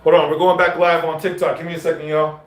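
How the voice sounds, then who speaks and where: A man's voice: on the high side, little pitch movement, quick pace. A man live-streaming casual commentary, talking in slang straight to his viewers. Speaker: livestreamer. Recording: roomy echo with faint music.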